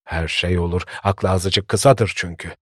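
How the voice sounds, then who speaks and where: A man voicing a worried, gruff old village grandfather who scolds and frets. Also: sits low, steady tone, measured pace, dry recording, clean studio sound. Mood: anxious. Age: older. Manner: scolding, fretful.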